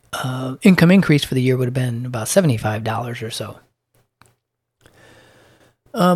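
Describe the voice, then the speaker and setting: A dividend investing vlogger with a slightly hoarse, ordinary mid-pitched male voice casually recaps his monthly portfolio without a script. He halts and restarts often, filling pauses with ums as he reads out percentages and figures.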